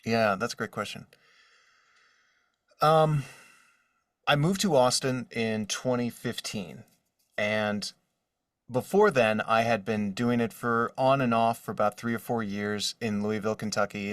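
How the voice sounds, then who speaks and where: As an interview guest, a man talks casually about his work as a voice actor, answering questions from an indoor room with drawings behind him. His voice is on the low side and fairly bright in tone, with fairly even intonation and a moderate pace. The studio sound is clean, though roomy from a distant mic.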